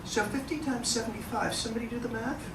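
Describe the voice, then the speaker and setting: A woman with a rather high, steady voice talks fast as she moderates a live event, chatty and enthusiastic, frequently putting questions to the audience in this informal presentation. She's picked up from a distance in a large, echoing room, with constant background noise beneath her.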